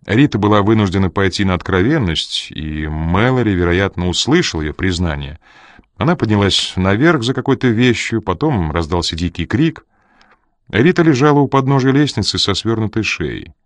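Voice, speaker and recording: A man reading as a nervous, evasive man with a low voice. He sounds defensive and plaintive when pressed. The recording is close and dry. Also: big pitch swings, normal speed, dry recording. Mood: explaining.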